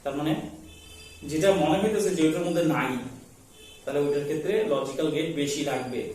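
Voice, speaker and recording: A man teaches a class, tossing questions at students and waiting for their answers. His voice sits a little high for a man. It comes from far off in a very echoey room with a faint hiss. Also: brisk, a little mellow. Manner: quizzing students with call-and-response questions. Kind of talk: classroom lecture.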